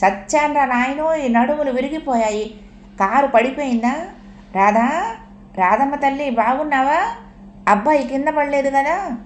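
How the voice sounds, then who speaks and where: Lady reading as a screechy panicky old granny, high voice, echoey room. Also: unhurried, long pauses, slight background noise. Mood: panicked wailing. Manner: wailing, fretful questions. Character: fussy old grandmother, shrill and panicky. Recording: roomy echo.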